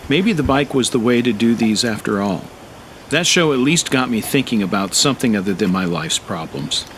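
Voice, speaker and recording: A man's voice: mid-range voice, expressive, moderate pace, a bit bright, slight background noise, poor audio. A middle-aged American man giving a reflective, scripted narration of his own story. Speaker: motovlog narrator. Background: guitar music.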